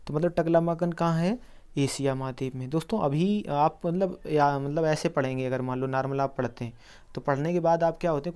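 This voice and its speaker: Smooth-voiced man teaching memory tricks. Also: a little high, dark tone. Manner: asks quiz questions and answers them himself; explains with memory tricks, addresses viewers as friends. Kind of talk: exam-prep lesson on video.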